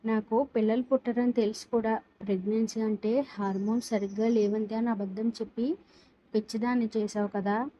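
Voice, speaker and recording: A woman's voice: fairly high pitch, fairly even intonation, brisk, mellow, muffled recording, natural voice. A woman voicing a distraught young wife who pleads and protests in a read-aloud story. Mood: distressed.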